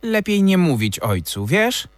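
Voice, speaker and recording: A man's voice: mid-range voice, expressive, unhurried, no echo, natural voice. A man reading an audiobook and voicing a bold, defiant young princess with a firm, decisive tone. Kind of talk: audiobook character voice.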